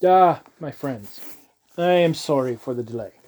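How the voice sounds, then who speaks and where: A man voicing a steady male agent who speaks in a brisk, reassuring way. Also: a little high.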